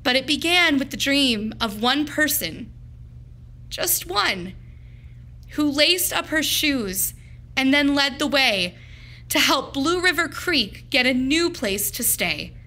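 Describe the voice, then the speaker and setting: A woman reads aloud from a picture book, her voice high, bright, and expressive. She phrases each line slowly and deliberately, giving it a dramatic, storytime-teacher shape meant for young children.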